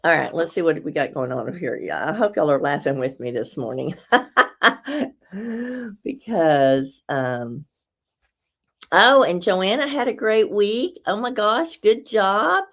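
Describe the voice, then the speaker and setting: A beauty-product host chats her way through a casual live demo in a low, slightly raspy voice. She rambles, laughs often and tosses warm asides to her viewers.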